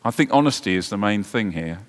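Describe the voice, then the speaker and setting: A man's voice: lowish voice, animated, brisk. A man preaching a conversational sermon as the leader of a church service. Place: large indoor church or hall. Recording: echoey hall with long reverb.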